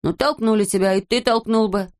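A woman voicing a small female inner conscience in an audiobook, slow, low and scolding. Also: lightly acted. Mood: mocking. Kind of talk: audiobook character voice.

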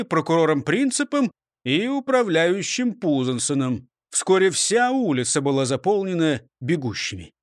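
A man reading a children's storybook aloud in an expressive, animated way. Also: sits high, dry recording, clean studio sound.

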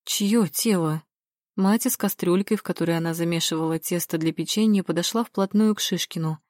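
A woman narrating an audiobook in a calm, measured reading style. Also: fairly low pitch, no room sound, clean studio sound. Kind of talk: scripted narration.

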